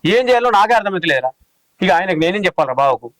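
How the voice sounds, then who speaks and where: A man's voice: sits high, very animated, a bit bright, dry recording, rough recording. A man playing an irritable father in a village comedy. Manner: irritable, rapid. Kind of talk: scripted village comedy acting.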